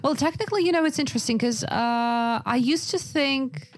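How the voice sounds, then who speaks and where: A woman's voice: high voice, brisk, faint music behind. A woman from Russia with a Russian accent, chatting casually in English in a group discussion. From Yakutia, Russia.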